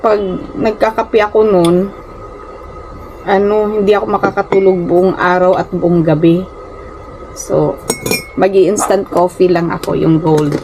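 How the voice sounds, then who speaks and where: Sitting in a small rented room at home, a woman from the Philippines with a Filipino accent talks casually to her viewers, often addressing them as "guys" and occasionally tripping over her words. Her voice is on the low side with fairly even intonation, a little slow with frequent pauses, against a noisy background.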